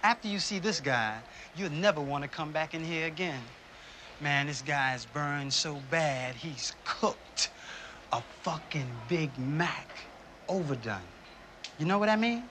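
A man's voice: fairly high pitch, natural voice. An actor playing a crude, boastful male hospital porter who goads a colleague in a coarse, swaggering way. Film audio with background noise.

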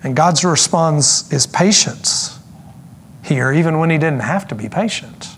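A man preaching a sermon in an earnest, explanatory tone. His voice sits a little high for a man. He slows down to stress key points and drops in casual asides, with a faint hiss behind him. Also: animated, fairly bright tone. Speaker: pastor.

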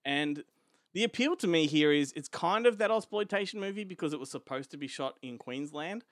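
A man's voice: a little high, lively intonation, brisk, no echo, clean studio sound. An Australian man co-hosting a podcast, telling a film's story in casual chat and laughing often. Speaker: podcast co-host.

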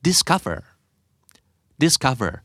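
A young adult man teaching vocabulary in a relaxed, chatty way, stopping to spell words out one letter at a time. His voice sits at an ordinary middle pitch. The recording is dry and close, with no room sound. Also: very slow, no echo. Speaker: English teacher and host. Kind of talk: explaining vocabulary in a casual podcast.

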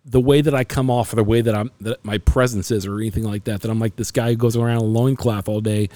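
A man's voice: fairly low pitch, steady tone, fast talker, mellow, dry recording. A middle-aged man in casual conversation on a podcast, telling stories earnestly and emotionally, with many restarts.

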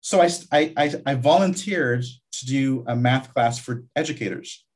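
A man's voice: medium pitch, normal speed. A man from Guyana, a community college vice president, talking reflectively in an interview with frequent restarts. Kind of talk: interview conversation.

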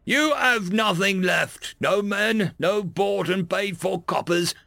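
A man voicing a mysterious hooded avenger in a spoken story, calm and cutting with contempt. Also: sits high, slow pace, gravelly, no room sound, clean studio sound, pitched above the performer's own voice, full character voice. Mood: cold.

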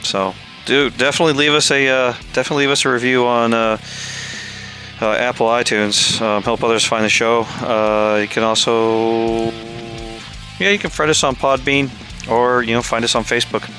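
A man hosting a hobby podcast, talking in a relaxed way with lots of fillers. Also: medium pitch, moderate pace, faint music behind. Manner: relaxed, filler-heavy talk. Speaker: podcast co-host. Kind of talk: casual podcast sign-off.

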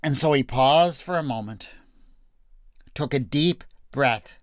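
Slow, measured male storyteller. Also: mid-range voice, dry recording, clean studio sound. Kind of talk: scripted Bible story narration. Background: faint background music.

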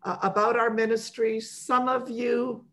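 A woman hosting an online program for mothers, welcoming listeners informally in a chatty, halting way. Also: fairly high pitch, little pitch movement, a bit bright. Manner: chatty, often chuckling, halting.

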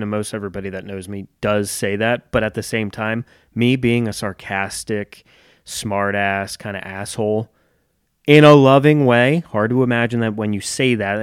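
A man's voice: fairly low pitch, clear, resonant tone, no room sound, clean studio sound. A man hosting a solo podcast, talking candidly and reflectively, joking and swearing now and then. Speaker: podcast host and gym owner. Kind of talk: solo casual podcast monologue.

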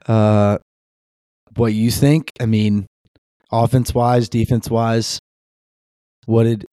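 A man's voice: medium pitch, mellow, no echo, studio quality. A man co-hosting a casual sports podcast, rambling with lots of ums and restarts. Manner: rambling with many fillers and restarts. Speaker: podcast co-host.

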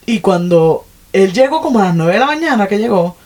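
A woman, talking in an animated, casual way. She often breaks off and restarts her sentences and fills gaps with "o sea." Her pitch is in the middle range. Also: brisk. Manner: animated, self-correcting, frequent "o sea". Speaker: podcast co-host, stepmother. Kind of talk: casual chat.

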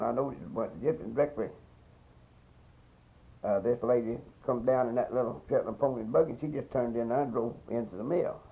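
An elderly man with a Southern Appalachian accent tells stories of the past in a folksy, rambling, repetitive way, as an interviewee in an informal oral history. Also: mid-range voice. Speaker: interviewee recalling local past. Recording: dull, muffled field recording.

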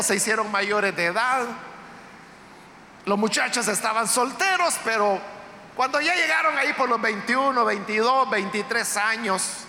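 A man pastor telling a story during a Sunday sermon in a church, conversational and unhurried. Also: very high-pitched, sharp tone, slight background noise. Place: church sanctuary. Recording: echoey hall with long reverb, faint ambience.

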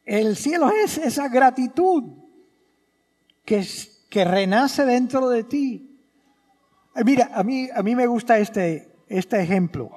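Priest giving a sermon, high lively voice that swings all over, long churchy reverb. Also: male voice, slow pace. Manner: repeats key phrases, asks the congregation questions. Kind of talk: sermon at Mass. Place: church during Mass.

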